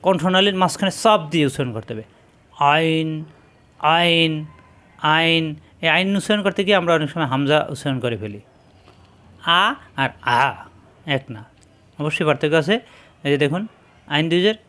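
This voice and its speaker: A man with a Bangladeshi Bengali accent, teaching Quran reading and repeating each letter sound slowly and patiently. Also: a little high, a bit bright. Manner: repeats each sound several times, explains pronunciation patiently. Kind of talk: slow drilled letter-by-letter recitation lesson.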